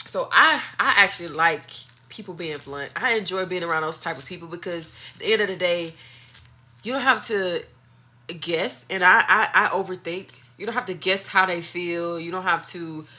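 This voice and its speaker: A woman's voice: fairly low pitch, moderate pace, sharp tone. A woman talking casually and candidly to viewers as a video host, giving her opinions in informal, slangy speech.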